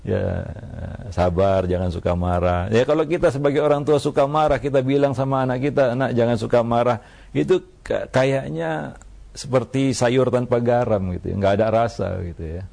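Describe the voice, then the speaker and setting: A man, an Islamic preacher giving calm religious advice on parenting, unhurried and dotting his talk with "ya". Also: medium pitch, gravelly. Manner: calm, unhurried, frequent "ya" tags. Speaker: Islamic preacher answering questions.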